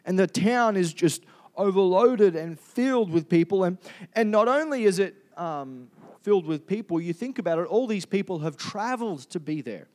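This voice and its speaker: Australian male preacher, slightly raised pitch, casual and conversational, keeps asking the congregation questions. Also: lively intonation, moderate pace, a little mellow. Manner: chatty, asks the congregation questions, many fillers and restarts. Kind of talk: conversational sermon.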